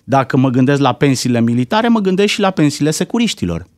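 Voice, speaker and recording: A man's voice: mid-range voice, very animated, no room sound, clean studio sound. A man giving heated, indignant political commentary on a talk show, firing off rhetorical questions.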